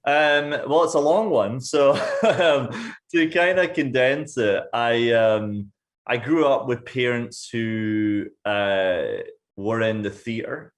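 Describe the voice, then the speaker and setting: A young man from Scotland, a singer, talking casually as a guest, often restarting his sentences and filling with "like". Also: medium pitch. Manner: halting, many restarts and "like". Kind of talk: casual interview.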